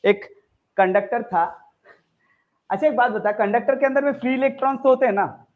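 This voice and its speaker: High-voiced man lecturing over tinny audio. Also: fairly quick. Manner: chatty, joking, quizzes the class. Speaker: teacher. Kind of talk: live classroom physics lecture. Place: classroom. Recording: tinny phone-like sound.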